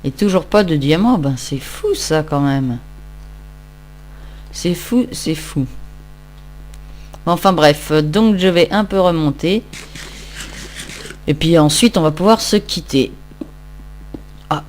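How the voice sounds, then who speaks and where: A man's voice: a little high, takes it slowly, pauses often. Tired man rambling over gameplay. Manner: rambling, self-mocking. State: tired, just woke up. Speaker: Minecraft let's-play host. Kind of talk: casual gameplay commentary.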